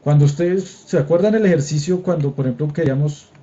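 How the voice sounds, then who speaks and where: A man's voice: on the high side, quick pace, mellow. A young man with a Colombian accent teaching an online engineering drawing class, informal and patient, often checking whether his students are following. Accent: Colombian Spanish. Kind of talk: online class lecture with screen demo. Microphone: computer mic on a video call. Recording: slightly dull video call audio.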